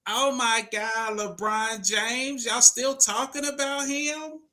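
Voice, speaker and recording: A man in his forties putting on a whining, high female voice to mock an exasperated hater. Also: fairly even intonation, slow pace, sharp tone, full character voice.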